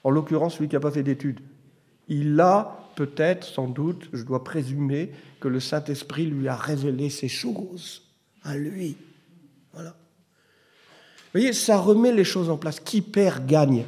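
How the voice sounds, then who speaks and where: A man's voice: fairly high pitch, unhurried, a little mellow, breathy edge. A middle-aged man preaching a sermon in a conversational way, telling personal stories and rising to emphatic bursts. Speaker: pastor.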